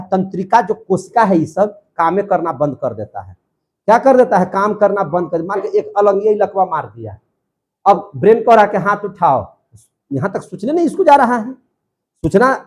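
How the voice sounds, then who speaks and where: High-voiced man teaching a lively lecture. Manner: lively, repeats questions and has the class answer back. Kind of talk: classroom lecture.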